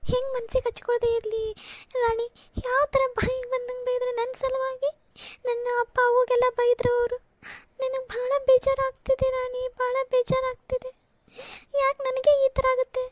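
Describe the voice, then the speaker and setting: A woman's voice: extremely high pitch, monotone, normal speed, slight background noise. A woman voicing a young heroine who pleads and repeats herself while crying. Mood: tearful. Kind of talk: cartoon voice acting.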